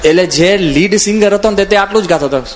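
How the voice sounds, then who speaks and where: Animated storytelling monk, man. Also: sits high, fast, background noise. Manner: animated, acts out quoted voices, chuckles while telling anecdotes. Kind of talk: humorous storytelling discourse.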